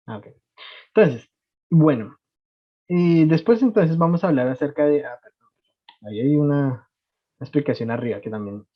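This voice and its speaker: A man's voice: a little high, expressive, normal speed, long pauses. A man, explaining English grammar to a class over a video call, chatty and repeating words as he goes. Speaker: English teacher. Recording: tinny phone-like line.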